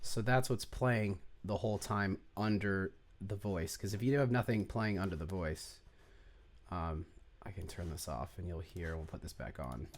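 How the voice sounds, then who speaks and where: A man giving a casual, unscripted music production tutorial, rambling, correcting himself and muttering as he clicks around. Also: moderate pace. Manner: low-key, offhand, unpolished. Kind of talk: casual screen-share tutorial.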